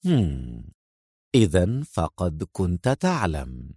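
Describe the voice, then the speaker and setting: A man voicing a calm, menacing male general who talks slowly in sarcastic, mocking tones, pitched below his own voice. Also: no room sound, studio quality.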